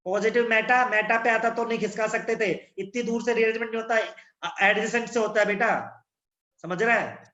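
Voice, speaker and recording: A man teaches an online chemistry class from his room in a blunt, teasing way, scolding students. His high, bright voice is forceful, fairly quick, and fairly even in intonation, echoing like he's in a cave. He uses the device mic without earphones, and the highs are cut off.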